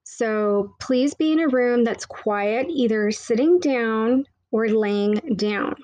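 A woman leading a guided meditation with soothing, hushed, intimate delivery and repetitive, hypnotic phrasing, close on the microphone. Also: on the high side, takes it slowly, no echo, low-quality recording.

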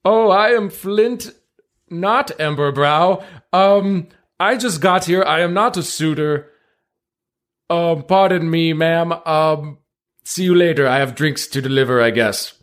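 A man's voice: on the high side, takes it slowly, fairly bright tone, voice pushed up. Man acting a pompous, easily flustered adventurer. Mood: flustered, polite. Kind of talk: improvised tabletop role-play.

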